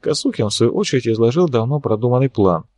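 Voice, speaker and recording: Man, audiobook narrator, measured reading, middle pitch, dry close sound. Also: expressive, warm tone, no echo. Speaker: audiobook reader.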